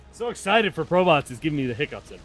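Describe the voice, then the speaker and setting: A man hosting live esports commentary, excitable and laughing often, sometimes bursting into shouts, with the hiccups. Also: a little high, fast talker, faint music behind. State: has the hiccups. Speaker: esports caster.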